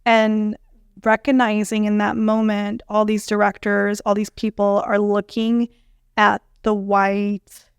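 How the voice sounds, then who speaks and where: Chatty woman, smooth clear voice. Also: mid-range voice, slow pace, no room sound. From Bolivian family. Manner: animated, many fillers, acts out quoted dialogue. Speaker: dietitian guest. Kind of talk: conversational storytelling interview.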